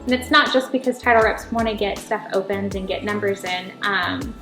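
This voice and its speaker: A title insurance representative, a middle-aged American woman, gives chatty, informal explanations as an interview guest in a mid-range voice at a moderate pace. "Right?" and "you know" come up again and again as she checks in with the listener. Her voice carries a roomy echo, with music behind it.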